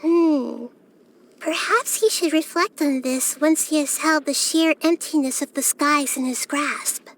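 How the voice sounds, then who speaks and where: The child-like deity turns philosophical in these scripted video game voice lines. Gentle and curious, she speaks in a high, girlish voice with measured, earnest phrasing, sounding far wiser than she looks and steadily curious about people and the world.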